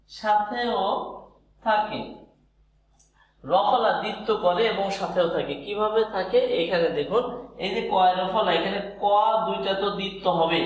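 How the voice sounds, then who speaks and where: Man teaching pronunciation, high voice, methodical, repeats examples. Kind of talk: pronunciation lesson. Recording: very echoey room.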